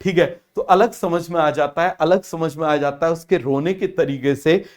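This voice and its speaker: A young man teaching biology in a lively way, often asking the class questions and acting out comic family scenes. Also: a little high, normal speed. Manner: acts out family scenes in other voices. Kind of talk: biology lecture with comic examples.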